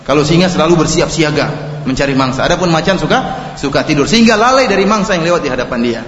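A man preaching an Islamic lecture in an animated way, joking and acting out the people in his examples. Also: on the high side, fast. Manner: animated, jokes and laughs, acts out quotes. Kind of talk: religious lecture. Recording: echoey hall, dull lo-fi, faint noise.

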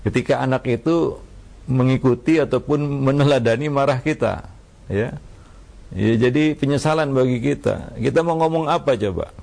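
Unhurried preacher with a gravelly voice. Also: male voice, medium pitch. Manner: calm, unhurried, frequent "ya" tags. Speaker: Islamic preacher answering questions. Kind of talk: religious advice talk on parenting.

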